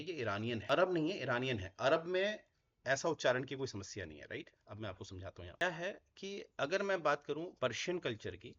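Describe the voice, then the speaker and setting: Male teacher, patient classroom lecture style, mid pitch, slightly dull lo-fi recording. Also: a bit bright. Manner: explains step by step, often asks "right?". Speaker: Hindi teacher.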